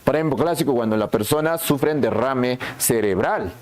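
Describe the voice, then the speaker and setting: A male anatomy teacher giving a lively classroom lecture, asking questions and answering them himself, sometimes voicing the students. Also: medium pitch, normal speed. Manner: asks and answers his own questions, plays the students' lines too.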